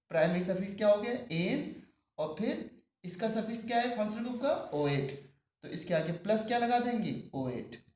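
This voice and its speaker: A man teaching chemistry to a class, asking the students questions and drawing out key terms slowly. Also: high voice, darkish tone, echoey room. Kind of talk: classroom lecture.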